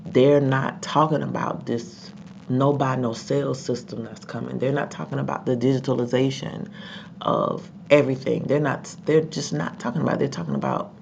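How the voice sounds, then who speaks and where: A congested, sick vlogger speaks at normal speed in a medium-pitched voice that's animated, creaky, and a little mellow. The casual commentary rambles, with many ums and repeated words, over faint background noise in a dull lo-fi recording.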